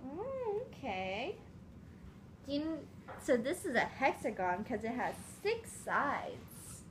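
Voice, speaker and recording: A woman's voice: high-pitched, sing-song, slow. A woman reading a picture book aloud to young children, coaxing them along with simple questions. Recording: clearly noisy room.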